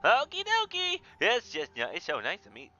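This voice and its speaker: A man's voice: high voice, wildly swooping pitch, brisk, pushed and bright, dull audio, voice pushed up, exaggerated voice. A man voicing a chirpy, overeager Southern cleaning lady who chatters in a raised, bubbly voice. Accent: Southern US, put on.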